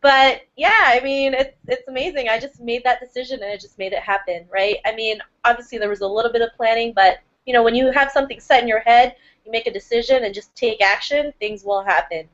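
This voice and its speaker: A woman's voice: a little high, fairly even intonation, quick pace, highs cut off. A woman from Toronto, a panel guest introducing herself in an upbeat, motivational way. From Toronto, Canada. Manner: upbeat, motivational, laughs often. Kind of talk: casual self-introduction. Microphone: video call.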